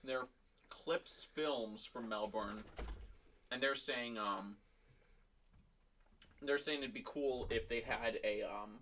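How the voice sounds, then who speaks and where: A man's voice: mid-range voice, takes it slowly, pauses often, bright, forceful tone, far from the mic, a little hiss or hum. Laid-back young man, a bit off-mic. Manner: laid-back, mumbly, reads chat aloud. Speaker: livestream guest. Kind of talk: casual livestream chat.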